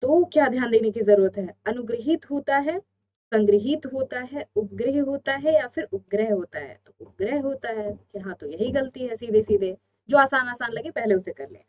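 Woman, online exam-prep teacher, higher voice, asks and answers her own questions, dull lo-fi sound. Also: lively intonation, normal speed.

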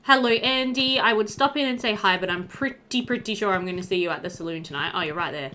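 Talking fast in a bright, forceful, medium-pitched voice, a gaming video host in her thirties records a chatty let's play at home. There's slight background noise along with the game music, and she thinks aloud while talking to the characters.

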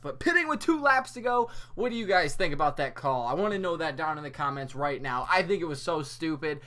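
A young man giving an excited, breathless post-race review for his channel, exclaiming and restarting his sentences as he catches his breath. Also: mid-range voice, smooth. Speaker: YouTube motorsport reviewer.

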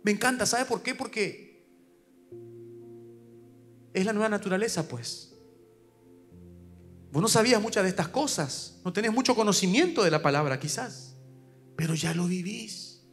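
A male pastor with a Paraguayan Spanish accent, preaching a sermon at a church service, swinging from loud urgent calls to hushed asides. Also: high-pitched, unhurried, pauses often, soft background music.

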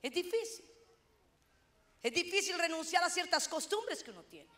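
A middle-aged woman pastor from Honduras, preaching a sermon in a loud, animated way with self-mocking humor. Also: very high voice, normal speed.

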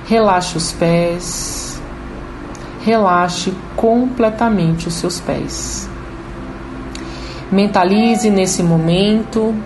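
A woman with a Brazilian accent leading a guided meditation in a soothing, unhurried manner with long pauses. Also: lowish voice, background noise. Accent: Brazilian Portuguese. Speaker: program host and holistic therapist.

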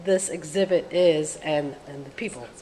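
A chatty, theatrical woman in her thirties hosts a vlog from a museum exhibit hall. She is recorded on a close handheld camera, and her voice rings with a long reverb over steady background noise. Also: low-pitched, normal speed. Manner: theatrical, chatty, mixes Spanish greetings. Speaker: vlog host. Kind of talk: playful on-location interview. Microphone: handheld camera held close.

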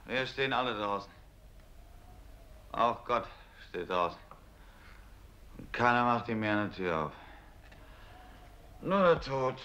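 A man giving a dramatic reading of a stage play, speaking as a bitter, despairing soldier, often hushed and at times rising to anguished cries. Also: fairly low pitch, unhurried, pauses often, clean tone, muffled recording. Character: Beckmann, despairing war-returned man.

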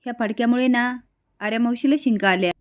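A clever young boy presses the grown-ups with insistent questions, as a woman retelling a serial reads his lines. The pitch lifts slightly, but it stays close to her own voice. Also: fast talker, close to an everyday voice.

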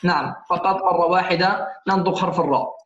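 A man's voice: high voice, fairly even intonation, quick pace, a bit bright. A man teaching Quran recitation, patiently repeating syllables and correcting mispronunciations. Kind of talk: recitation lesson. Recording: echoey, dull lo-fi recording.

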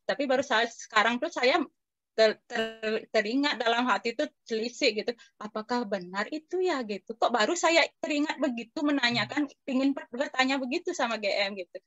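A woman's voice: on the high side, fairly quick, fairly bright tone, lo-fi sound. A woman in casual conversation, telling a personal experience to her teacher, hesitant and respectful, with many fillers and restarts. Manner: respectful, keeps addressing the teacher. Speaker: participant asking the teacher.

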